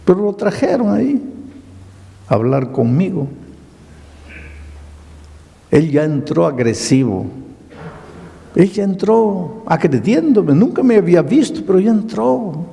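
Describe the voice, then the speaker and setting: A man's voice: high-pitched, sing-song, a little slow, creaky, long pauses, warm tone. An older man with a Peruvian Spanish accent, a pastor preaching a sermon and dramatically telling a story with acted-out dialogue. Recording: long hall reverb.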